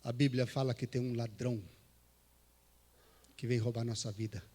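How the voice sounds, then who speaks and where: A man's voice: mid-range voice, normal speed. A man with a Brazilian Portuguese accent, a missionary preacher telling a story in a church sermon and acting out the dialogue. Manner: animated storyteller, acts out dialogue and scripture reading.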